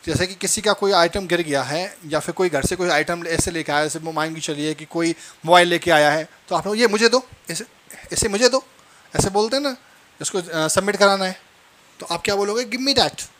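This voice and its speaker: A man teaching spoken phrases, repeating each phrase and checking that it is clear. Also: high-pitched, fairly bright tone, a little hiss or hum. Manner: explains each phrase slowly, repeating it, often asking "clear?". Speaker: English teacher. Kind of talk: spoken English lesson.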